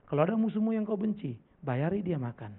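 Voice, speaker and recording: A man's voice: high voice, sing-song, fast, slightly rough. A middle-aged male pastor giving a casual, joking sermon with lots of rhetorical questions. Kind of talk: conversational sermon with Q&A. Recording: tinny lo-fi recording.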